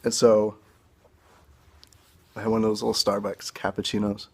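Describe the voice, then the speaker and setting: Earnest young man with a gravelly voice. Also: fairly low pitch, completely flat delivery. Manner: earnest, halting and emotional. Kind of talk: emotional personal testimony. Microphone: phone camera.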